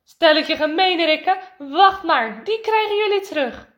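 A woman's voice: high voice, animated, normal speed. A woman reading a storybook, voicing a cheerful, caring father who reassures the boys. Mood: hearty. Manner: hearty, reassuring.

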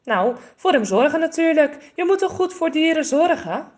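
A woman doing an eager, high little girl. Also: animated, normal speed, darkish tone. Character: young girl, eager and caring.

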